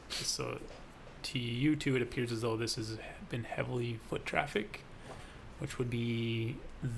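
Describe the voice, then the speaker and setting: A man with a gravelly, creaky voice narrates as game master of a tabletop game. He describes scenes in a relaxed way, with small hesitations. There is light noise in the background. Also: medium pitch.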